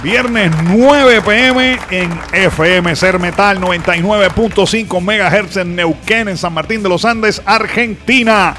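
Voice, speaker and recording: Male radio host, Caribbean Spanish accent, high sharp voice, conversational and direct to the audience. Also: a little slow, slight background noise. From Caribbean island. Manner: explanatory, conversational, addressing listeners directly. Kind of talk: casual live rock radio show chat, announcing and greeting listeners.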